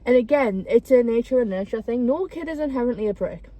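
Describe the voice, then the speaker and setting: A woman in her twenties hosting a podcast, her voice pitched a little high. She talks in blunt, sweary bursts, full of animated, casual chat. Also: fast talker, low-quality recording. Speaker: podcast host.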